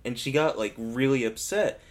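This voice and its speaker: A man's voice: mid-range voice, normal speed. Hesitant young man hosting a podcast. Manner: earnest, hesitant, self-described uptight. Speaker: podcast host. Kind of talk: casual interview.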